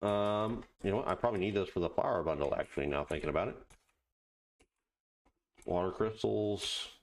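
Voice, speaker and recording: A gaming video host with a low voice does casual let's play commentary, muttering halting asides to himself and reading on-screen text aloud.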